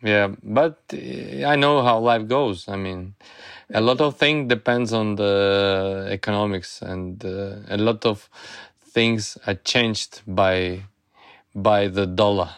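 A man with a Russian accent, an interview guest from the music industry, talking in a halting way with many pauses. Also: fairly low pitch, smooth, no room sound. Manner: hesitant, halting with "uh" and restarts. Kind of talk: casual conversation.

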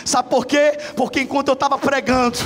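A man from Brazil preaching a sermon, telling stories in a lively way and shouting at the climaxes. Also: very high voice, fairly quick. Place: church. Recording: reverberant church hall with faint music.

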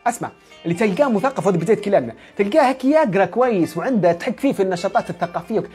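A man, a psychologist giving a motivational livestream talk in an animated, repetitive, conversational way. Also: sits high, rapid-fire, husky, faint music behind.

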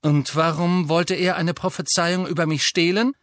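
A defiant teenage boy wizard, as a male narrator puts him on, tense and probing. The voice is only a little higher than the reader's own and stays close to the mic. The recording is dry. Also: steady tone, normal speed, a bit bright, dry recording, natural voice.

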